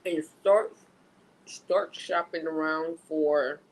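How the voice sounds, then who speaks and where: A man's voice: a little high, steady tone, slow pace, poor audio. A man in a casual vlog chat, talking bluntly and in a laid-back way while chewing food, swearing freely. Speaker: vlogger.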